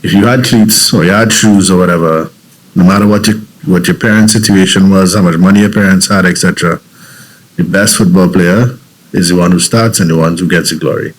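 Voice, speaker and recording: A man from Trinidad and Tobago with a Trinidadian accent tells his story as an interview guest, reflective and earnest, restarting frequently. His voice is low, his tone steady, and his pace fairly quick, on a low-quality recording.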